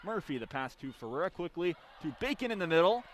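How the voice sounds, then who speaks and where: A young man calls volleyball live on radio, his punchy, clipped play-by-play swelling on big plays. He talks fast in a fairly high, bright, sing-song voice, with arena noise in the background.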